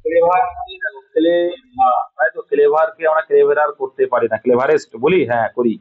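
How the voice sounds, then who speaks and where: Bengali man teaching grammar, slightly high voice. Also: fast. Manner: patient, repeats points and checks understanding. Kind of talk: classroom lesson, explaining sentence corrections. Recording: dull lo-fi sound.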